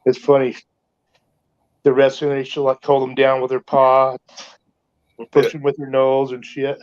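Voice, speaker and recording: A man's voice: mid-range voice, completely flat delivery, measured pace, a little mellow. A man chatting casually in a folksy, joking, salty way. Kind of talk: casual chat. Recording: dull lo-fi audio.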